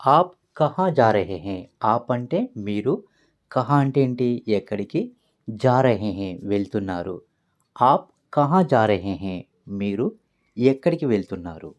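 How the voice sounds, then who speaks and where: A man's voice: lowish voice, lively intonation, a little slow. A man teaching as a language tutor, patiently explaining phrases word by word and repeating each one.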